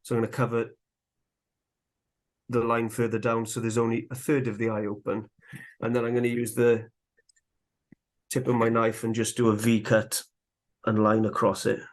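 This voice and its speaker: A man teaching woodcarving live, chatting in a relaxed way as he works, a little out of breath. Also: medium pitch, normal speed, pauses often. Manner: relaxed, chatty, talks while working. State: slightly out of breath. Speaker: woodcarving instructor. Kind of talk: live carving tutorial.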